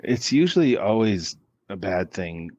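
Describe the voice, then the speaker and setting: A man speaks as a podcast guest in a low voice, answering casually with frequent restarts and repeated words. The sound is dry and somewhat dull, like a lo-fi recording. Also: sing-song, unhurried, darkish tone, no room sound.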